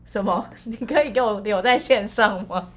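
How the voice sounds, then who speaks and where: A woman's voice: medium pitch, moderate pace. A woman co-hosting a casual podcast, telling a story in a rambling way with many restarts. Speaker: podcast co-host.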